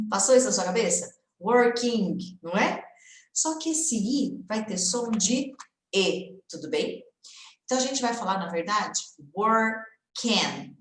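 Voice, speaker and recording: A woman teaching an English lesson on a live stream, talking to viewers in a lively, chatty way and modeling phrases. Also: medium pitch. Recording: echoey room.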